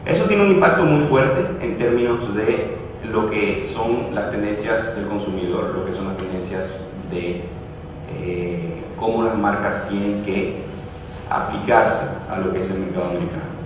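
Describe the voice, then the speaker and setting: In a big conference room, a man gives a lengthy presentation in a fairly low, unhurried voice, repeatedly hesitating and starting sentences over. The recording comes from a distant mic in an echoey hall with background noise.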